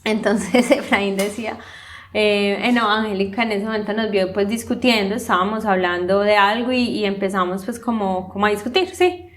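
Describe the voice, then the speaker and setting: A woman's voice: mid-range voice, moderate pace, slight background noise. A woman, co-hosting a casual talk and telling a family story with lots of fillers. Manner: storytelling, animated, many fillers. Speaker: podcast co-host. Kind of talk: casual conversation.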